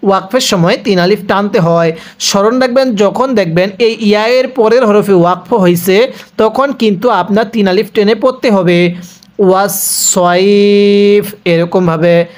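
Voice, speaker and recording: A man teaching Quran recitation, explaining quickly and then drawing out each word slowly for students to repeat. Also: high-pitched. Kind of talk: spelling-out recitation lesson.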